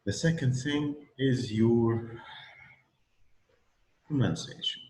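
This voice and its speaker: A man's voice: medium pitch, takes it slowly, a little mellow, echoey room, slight background noise, poor audio. A man with an Egyptian accent teaching English one-on-one, hesitant and full of fillers and restarts. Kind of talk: one-on-one speaking lesson.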